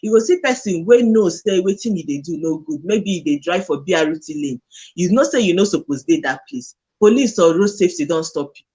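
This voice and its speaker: Husky Nigerian man, fairly high voice, speaking Pidgin. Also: expressive, fairly quick, darkish tone. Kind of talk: casual discussion in Nigerian Pidgin.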